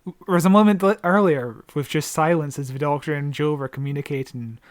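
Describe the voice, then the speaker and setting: Male podcast co-host, a bit higher-pitched, swears a lot, tight dry sound. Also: fairly quick, dry recording. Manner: swears freely, frequent laughs and restarts. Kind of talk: casual chat.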